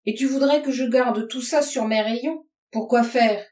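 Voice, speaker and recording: Une femme lisant à voix haute prête sa voix à un jeune homme furieux et amer, dont la tirade méprisante est lancée en criant. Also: female voice, high-pitched, slow pace, voice pushed up. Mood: méprisant. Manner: shouting, scornful tirade. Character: furious, bitter young man raging against mankind. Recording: roomy sound from a distance.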